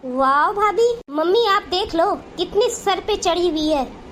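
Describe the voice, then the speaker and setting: A woman's voice: extremely high pitch, expressive, a bit bright, a little hiss or hum, heavily acted. A woman voicing a spoiled young sister-in-law in a Hindi cartoon, whiny and demanding. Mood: accusing. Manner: whiny, demanding, quick to accuse.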